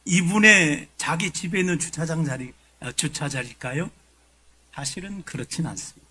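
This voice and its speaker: A man preaching a sermon in a conversational way, rising to forceful emphasis at key points. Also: a little high, normal speed, a little hiss or hum, poor audio. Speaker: pastor. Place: church sanctuary.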